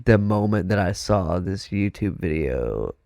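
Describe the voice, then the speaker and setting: A young man with a stuffed-up nose, a drummer guest chatting casually on a podcast in a studio, rambling excitably with plenty of "like". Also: low-pitched, a little slow, gravelly, dry recording. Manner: rambling, excitable, filler-heavy with "like".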